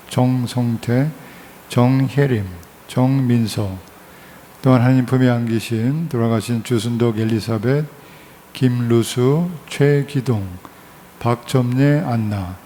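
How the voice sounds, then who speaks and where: Man, priest, liturgical recitation, unhurried, soft dark tone, faint background noise. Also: mid-range voice. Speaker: priest celebrating Mass. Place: church.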